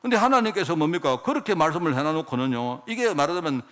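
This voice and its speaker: A male pastor preaching a conversational sermon at a church service, talking in an animated way and firing rhetorical questions at the congregation. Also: on the high side, fast talker.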